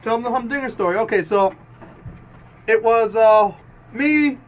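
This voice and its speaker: A young man with a high, excitable voice rambles through an anecdote, stacking up filler words as he goes. A faint hiss runs under the chat. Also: moderate pace. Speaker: podcast co-host. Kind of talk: casual chat.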